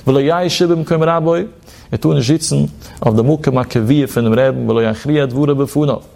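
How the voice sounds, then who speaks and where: A man's voice: mid-range voice, a little fast, vocal fry, mellow. A man teaching a religious legal text in a lecture, quoting short Hebrew phrases and then explaining each one in his own words.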